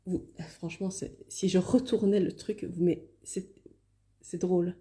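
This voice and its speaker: Woman, Liège accent, live-stream card reader; warm, mellow tone, chatty and self-deprecating, drifts off-mic now and then. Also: fairly low pitch, fairly even intonation, a little slow. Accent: Liège Belgian French. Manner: chatty, apologetic asides, reads viewer comments aloud.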